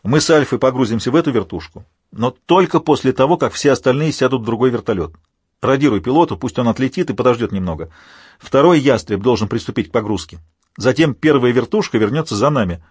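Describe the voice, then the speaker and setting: A man's voice: medium pitch, quick pace, breathy edge, no room sound, clean studio sound. A man voicing a stern male marine who speaks curtly and steadily in an audiobook. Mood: commanding. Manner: curt and steady.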